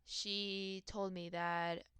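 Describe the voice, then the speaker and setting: A woman's voice: medium pitch, little pitch movement, extremely slow, a bit bright, clean tone, dry recording. A young adult woman in a rambling, profane, self-mocking casual rant about her work. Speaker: vlogger.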